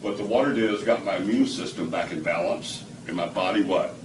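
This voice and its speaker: Low-pitched and a little fast, a man animatedly tells his testimonial to a small live audience in an indoor room at a product demo, performing quoted dialogue and laughing often. The echoey recording is made from a distance, and background noise can be heard.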